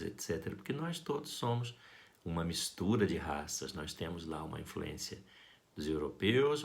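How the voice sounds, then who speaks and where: A Brazilian man giving a school art lesson, talking to his students in a playful, affectionate and expressive way. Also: low-pitched, vocal fry. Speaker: art teacher.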